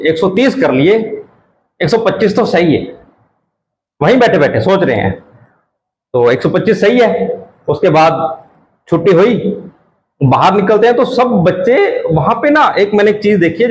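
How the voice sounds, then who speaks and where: A man's voice: a little high, echoey room, rough recording. A male teacher explains grammar to exam students in a chatty way. He repeats key phrases and asks the class questions.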